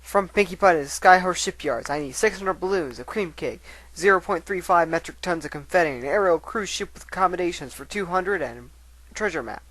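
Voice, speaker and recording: A man voicing an excitable party-loving pony in a hammy, theatrical dramatic reading of a letter. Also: high-pitched, fairly quick, dry recording, rough recording. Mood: excited, gleeful. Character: excitable, hammy pink pony placing an absurd party order.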